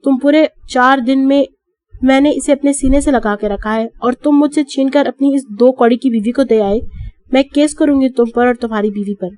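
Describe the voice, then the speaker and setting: A woman voicing an angry, grieving aunt in an audiobook, shrill and accusing. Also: steady tone, darkish tone, close to an everyday voice. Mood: furious. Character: furious grieving middle-aged aunt.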